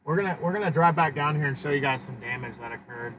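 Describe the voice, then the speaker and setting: A man's voice: medium pitch, fast talker. A man giving casual live commentary as co-host of a storm stream. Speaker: livestream co-host. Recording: loud vehicle and storm noise.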